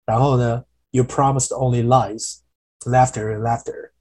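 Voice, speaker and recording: A man teaching English in a podcast lesson. He reads song lyrics slowly, repeats words to show how they are pronounced, and explains each line in detail. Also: mid-range voice, level tone, darkish tone, rough recording.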